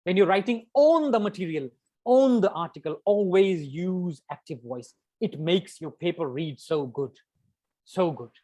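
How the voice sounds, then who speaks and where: In an interactive workshop on academic writing, a male lecturer talks emphatically at a measured pace, repeating key terms and adding casual asides. His voice sits high but has a dark tone, and he comes across as animated.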